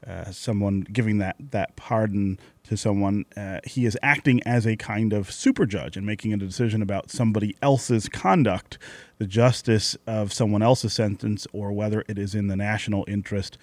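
Radio host, man, lowish voice, measured delivery, dry booth sound. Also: no room sound. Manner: measured, reads phone number and promos. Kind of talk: call-in radio talk show. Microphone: studio microphone.

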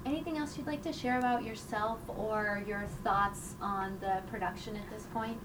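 A woman interviewing a guest, asking brisk prompting questions. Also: medium pitch, steady tone. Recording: distant mic with clear background noise.

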